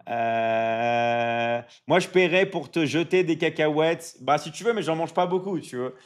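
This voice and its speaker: A man's voice: a little high, a little slow. A man, likely in his thirties, hosting a casual livestream, chatting with viewers and repeating himself with lots of fillers. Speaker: livestream host. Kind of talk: casual live-stream chat reading viewer comments.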